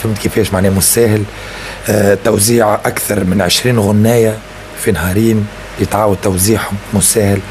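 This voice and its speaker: A man's voice: lowish voice, fairly even intonation, quick pace, a little mellow, a little hiss or hum. A young man with a Tunisian accent, a singer answering interview questions earnestly and often checking that he is understood. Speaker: singer and rapper.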